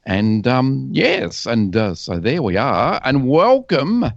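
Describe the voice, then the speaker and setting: A man's voice: mid-range voice, wildly swooping pitch, takes it slowly, vocal fry, no echo, muffled recording. A man hosting a podcast, chatting casually and rambling with plenty of fillers and restarts. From Australia. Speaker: podcast host. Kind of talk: casual chat.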